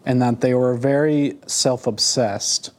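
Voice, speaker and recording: A man's voice: mid-range voice, fairly even intonation, takes it slowly. A man hosting a podcast, asking questions and narrating scripted segments in a conversational, inquisitive manner. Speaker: podcast host.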